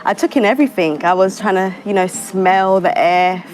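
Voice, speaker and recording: A woman answering interview questions in a relaxed, reflective way, with many fillers. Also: medium pitch, normal speed, a little hiss or hum, low-quality recording. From London, England. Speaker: interview guest.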